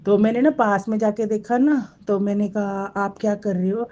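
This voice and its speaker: A woman's voice: mid-range voice, steady tone, moderate pace, mellow, muffled recording. A married woman earnestly tells a personal devotional story to a congregation, often quoting what she said to others. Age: adult, married with children. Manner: earnest storytelling, often quotes her own past words. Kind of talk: spoken devotional testimony.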